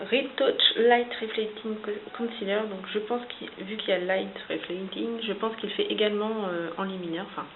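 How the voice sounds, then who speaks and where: A French woman reviewing makeup in a chatty, hesitant way. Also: mid-range voice. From France. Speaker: beauty vlogger. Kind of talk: casual product review. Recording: hissy lo-fi home video, phone-like.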